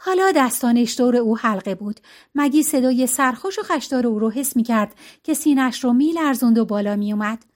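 High-voiced woman narrating an audiobook. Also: lively intonation, darkish tone.

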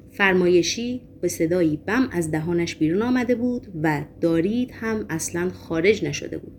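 Woman, audiobook narrator, steady measured reading, mid pitch, faint background noise. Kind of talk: scripted narration.

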